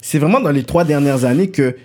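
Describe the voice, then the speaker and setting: Picture a young Québécois man hosting a laid-back podcast, his voice sitting a little on the high side. He talks in animated bursts, dropping English slang into his French. It sounds like easygoing, unscripted talk between friends. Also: fairly quick. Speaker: podcast host interviewing a rapper. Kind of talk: casual conversation with English slang.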